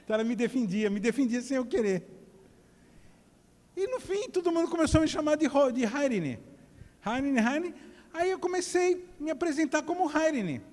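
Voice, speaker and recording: A male pastor preaches in a high voice, casual and joking with his congregation while stumbling over and repeating words. His sermon rings with the long echo of a church hall. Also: sing-song, brisk, a little mellow.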